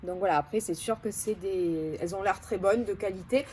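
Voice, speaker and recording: A woman's voice: medium pitch, a little fast, warm tone, a little hiss or hum. Chatty woman with a Marseille accent. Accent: Marseille French. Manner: chatty, hesitant, self-correcting. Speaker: vlogger reviewing bargain hauls. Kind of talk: casual chat to camera.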